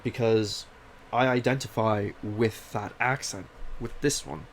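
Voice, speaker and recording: A young man from Canada, a podcast host, speaks in a fairly low, steady voice at a measured pace, with slight background noise. His accent combines British and Canadian as he rambles through a casual, self-deprecating personal monologue.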